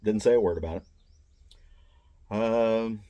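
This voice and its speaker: A man's voice: lowish voice, unhurried, dark tone. An older man, retired, telling a meandering, plain-spoken story about trouble as a vendor at a mall booth. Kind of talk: casual first-person storytelling.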